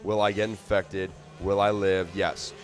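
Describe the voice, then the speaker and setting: A man's voice: sits low, level tone, a little slow. A man giving live race commentary in a chatty, joking way, rambling into funny asides between lap times.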